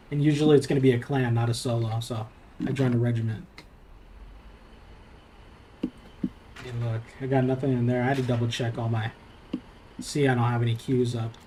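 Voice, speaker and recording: A man's voice: mid-range voice, a little mellow, slight background noise, low-quality recording. A man streaming a game, chatting casually and thinking aloud with offhand swearing. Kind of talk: casual gaming stream chat.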